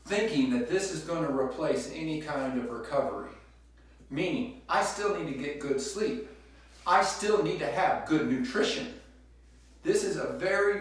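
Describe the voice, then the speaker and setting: A man vlogging casually to camera in a halting, explanatory way, recorded on a phone set up in a small room. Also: on the high side, a bit bright. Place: small indoor bathroom, sitting in a tub. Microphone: phone set up away from him. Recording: very echoey room, distant phone mic.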